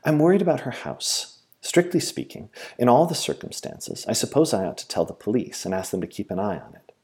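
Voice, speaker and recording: A man voicing a brisk middle-aged hospital matron who asks favors in a businesslike, polite way. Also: very deep voice, big pitch swings, darkish tone. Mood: concerned.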